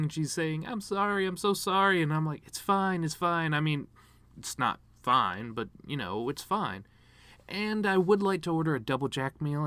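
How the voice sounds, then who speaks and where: A man's voice: on the high side, no echo, voice pushed up. A man reading as a bitter horse celebrity. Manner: sardonic, deadpan jokes with awkward pauses. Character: bitter, self-mocking male horse celebrity at his mother's funeral. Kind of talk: dramatic reading of a monologue.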